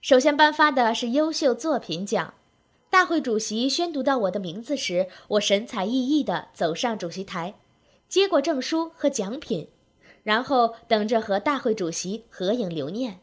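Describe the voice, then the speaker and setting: A woman with a fairly high voice performs a comic story aloud. Her narration is wry and lively, and she leans into rhythmic, patterned phrases. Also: moderate pace.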